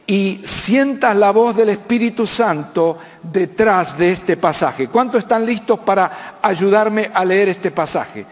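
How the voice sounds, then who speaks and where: A man in his fifties with an Argentine accent, preaching a sermon and asking the congregation to answer back. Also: sits high. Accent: Argentine Spanish. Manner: preaching with call-and-response questions to the congregation. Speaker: pastor. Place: church hall. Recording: long reverb of a church hall.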